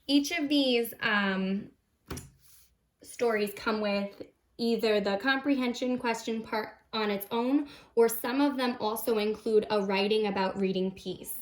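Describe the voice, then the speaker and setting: In an instructional demonstration of a kindergarten reading lesson, a woman with a slightly high voice speaks at a measured pace. She explains patiently step by step in simple phrases, modelling examples for young learners, though the recording is rough.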